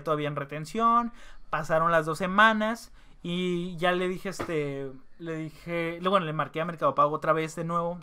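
A young Mexican man tells a long story to his vlog audience in casual, slangy speech, stopping often for fillers and restarts. His voice sits a little high and sounds bright and forceful. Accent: Mexican Spanish. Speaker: vlogger.

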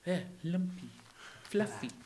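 A man's voice: sits high, animated, takes it slowly, warm tone. A man, a children's pastor, cracking goofy puns and rambling through fruit and veg jokes on a kids' church show. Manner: goofy, pun-loving, rambling.

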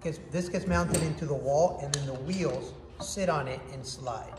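Here's an upbeat man in his thirties reviewing a product for his phone camera, his voice a little high and his pace moderate. He demonstrates with his hands, full of casual enthusiasm. Hard workshop walls make the audio echoey, with faint noise behind him.

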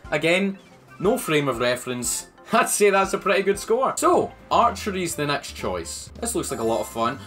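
A man's voice: medium pitch, fairly bright tone. A man giving playful let's-play commentary as a gaming YouTuber, joking and exclaiming at the screen.

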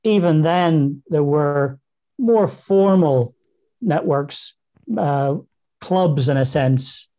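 Northern Irish man in his sixties, mellow voice. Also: a little high. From Northern Ireland. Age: 60s. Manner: repeats words often, thinking aloud. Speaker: interview guest. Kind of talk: casual interview talk. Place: small room indoors. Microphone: video call webcam.

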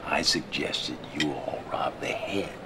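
An actor playing a crooked, scheming old small-town lawyer who talks in a smooth, folksy, often hushed and whispery way. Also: male voice, extremely low pitch, slow, noisy background. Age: older.

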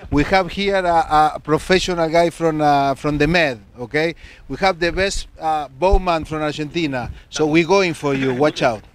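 A man's voice: a little high, unhurried, hardly any pauses, a little hiss or hum. A man speaking for a sailing crew outdoors on a boat deck, hesitating with many "uh"s into a handheld mic. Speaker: crew spokesman. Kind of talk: casual interview, joking. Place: outdoors on a sailboat deck in a harbor.

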